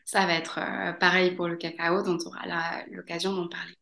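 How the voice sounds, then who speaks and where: A woman's voice: fairly low pitch, flat delivery, fairly quick, vocal fry, fairly bright tone, echoey room. A woman from Mexico, a podcast guest talking casually, hesitating with many fillers and laughing often. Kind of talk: casual interview.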